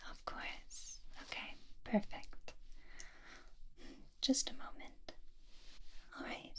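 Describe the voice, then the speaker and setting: A young woman whispering slowly as Belle, tenderly grooming a beast in an ASMR roleplay. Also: fairly bright tone. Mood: doting. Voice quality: breathy whisper. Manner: slow, tender, reassuring personal attention.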